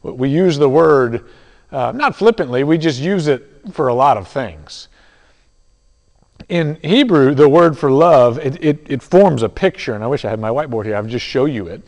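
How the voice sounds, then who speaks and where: A man preaching a conversational sermon, halting with restarts and fillers as he teaches. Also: medium pitch, lively intonation, creaky, darkish tone. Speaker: pastor. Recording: long hall reverb.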